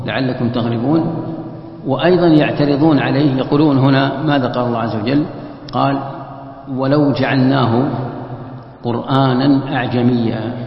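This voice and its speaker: A man teaching Quran exegesis, explaining verses slowly with repeated phrases and rhetorical questions, sometimes chanting a verse. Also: mid-range voice. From Saudi Arabia. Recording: dull echoey hall recording.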